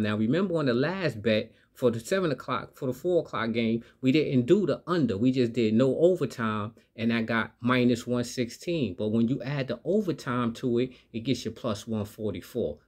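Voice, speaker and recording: A man hosts his own sports betting channel, speaking at an ordinary middle pitch. He keeps the energy up and talks straight to his viewers while he runs through his picks. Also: a little mellow. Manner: upbeat, hypes viewers, talks straight to the audience. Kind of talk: hyped betting picks vlog.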